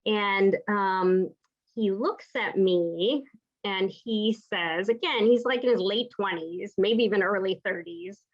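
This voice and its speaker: In a lecture, an American woman from the Pacific Northwest who works in palliative care thoughtfully recounts a case from practice, frequently asking "right?". She speaks slowly in a mid-range voice, and the sound is lo-fi.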